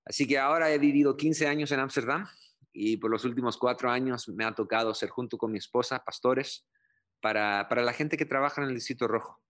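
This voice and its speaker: A middle-aged pastor from Chile giving his testimony in an interview, speaking earnestly with frequent fillers and halting restarts. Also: medium pitch, fairly even intonation, a bit bright.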